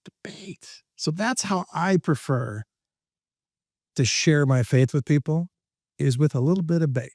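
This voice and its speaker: A man, a podcast guest who works as a professional speaker and trainer, telling stories in an animated, joking way with a confident, preacher-like rhythm. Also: on the high side, measured pace, long pauses, dry recording, studio quality. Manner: lively, jokey, laughs at his own lines. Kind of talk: animated storytelling in conversation.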